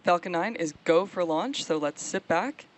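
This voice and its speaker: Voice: mid-range voice, moderate pace. A launch webcast host giving explanatory live commentary on a rocket launch.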